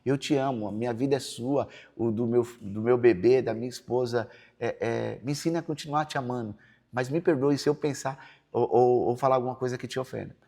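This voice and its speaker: A man's voice: mid-range voice, fairly quick, creaky, mellow. A man with a Brazilian Portuguese accent, a pastor telling his personal testimony in a podcast interview, earnest and preachy. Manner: earnest, preachy, acts out quoted dialogue.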